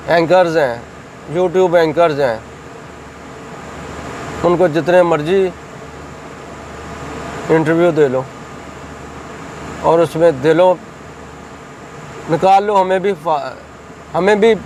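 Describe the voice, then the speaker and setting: High-pitched, combative male commentator. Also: darkish tone, a little hiss or hum, rough recording. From Pakistan. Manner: combative, accusing, repeats phrases for emphasis. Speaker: political commentator hosting his own channel. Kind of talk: heated political commentary.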